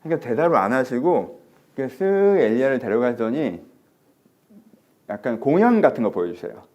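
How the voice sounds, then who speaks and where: A mid-pitched man preaches in a loose, conversational way. He acts out quoted lines and often sinks into a near murmur. The livestream audio is slightly dull. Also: very animated, brisk, darkish tone. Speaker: pastor. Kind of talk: sermon. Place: church.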